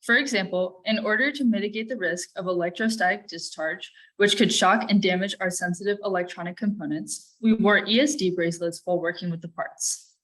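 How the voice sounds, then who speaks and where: A young woman from Florida presenting a student project section on a video call, in a clear scripted delivery. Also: mid-range voice, brisk, a bit bright, low-quality recording.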